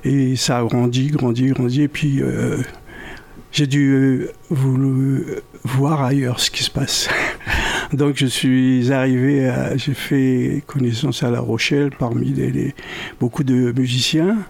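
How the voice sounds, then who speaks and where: An older man from French Guiana, a musician guest in a radio interview, speaking slowly and haltingly with many repetitions. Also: medium pitch, level tone, creaky.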